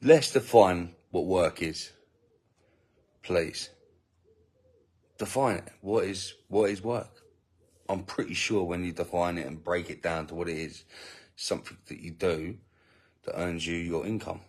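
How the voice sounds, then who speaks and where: A deep-voiced man talks through a casual live stream. He greets viewers from their comments, stops and restarts his sentences, and slips into indignant asides, all while he feeds his baby. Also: unhurried, long pauses, darkish tone. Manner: rambling, self-interrupting, indignant asides. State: feeding a baby while talking. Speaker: family channel host reading live comments.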